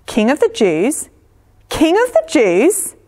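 A woman voicing a jealous, scheming king in a story told for children, bursting out in indignant shouts. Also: mid-range voice, sing-song, normal speed. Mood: outraged. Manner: indignant, loud outbursts. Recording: echoey church hall.

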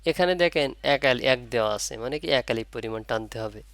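A man's voice: mid-range voice, fairly bright tone, no echo. A man teaching Arabic letters for Quran reading, repeating each point and asking his pupils questions. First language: Bengali. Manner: drawn-out demonstration of letter sounds. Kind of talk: online Arabic letter lesson.

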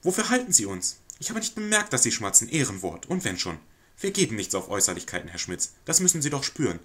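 A man voicing a fretful, anxious middle-aged housewife who pleads in a high, over-eager way, reading a stage play aloud. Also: big pitch swings, fast, a bit bright.

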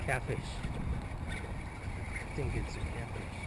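A man vlogging from a kayak on a river, commentating excitedly with lots of fillers. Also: medium pitch, slow. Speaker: fishing vlogger. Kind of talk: casual fishing commentary. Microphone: action camera. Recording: loud wind and water noise.

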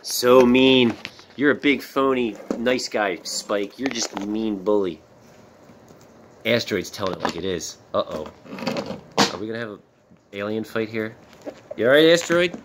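A man hosting a playful casual chat, interviewing a pretend alien in a gentle, encouraging, amused way. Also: fairly low pitch, lively intonation, moderate pace, pauses often, background noise.

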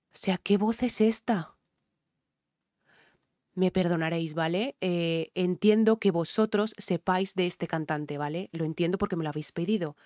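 A woman's voice: lowish voice, mellow, no echo, clean studio sound. A woman from Spain, a singer, with a Spain Spanish accent, commenting on music in an effusive, exclaiming way with frequent fillers. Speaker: singer and vocal coach reacting to music.

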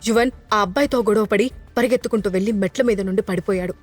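A woman's voice: mid-range voice, quick pace, soft background music, natural voice. A woman voicing a defensive, arrogant female schoolteacher in an audio drama. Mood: haughty. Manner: flustered then haughty.

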